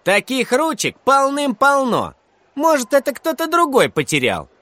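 A man's voice: very high voice, wildly swooping pitch, measured pace, a bit bright, no room sound, pitched above the performer's own voice, full character voice. A man voicing a mean, defiant fourth-grade boy who taunts and drags out his retorts. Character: bratty mean schoolboy, defiant and cheeky.

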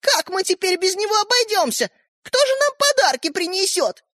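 A woman reader voicing a cheerful, bossy schoolgirl who talks in bright, teasing tones. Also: high-pitched, huge pitch swings, normal speed, no room sound, studio quality, pitched above the performer's own voice, heavily acted. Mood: mocking. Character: cheerful know-it-all schoolgirl, bossy older sister.

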